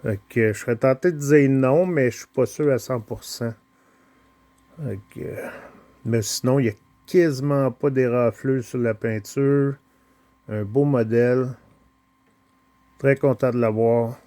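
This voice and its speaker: A Quebec French man in a casual vlog, showing off his toy car collection. He speaks very slowly and hesitantly, with many filler sounds. The recording is close and dry, with almost no room echo. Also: medium pitch, warm tone. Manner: slow, hesitant, full of pauses and filler sounds.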